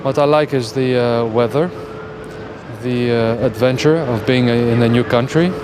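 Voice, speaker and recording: A middle-aged man answering a street interview in a halting way, with many fillers. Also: mid-range voice. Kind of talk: vox-pop interview. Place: outdoors on a city street. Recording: outdoor traffic noise. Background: traffic and cars.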